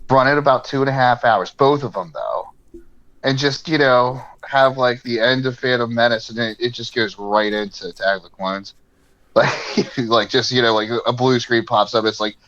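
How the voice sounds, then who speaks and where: A man's voice: medium pitch, fairly bright tone. Rambling, laughing man on dull audio. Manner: rambling, swears freely, laughs often. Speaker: podcast co-host. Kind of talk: casual chat.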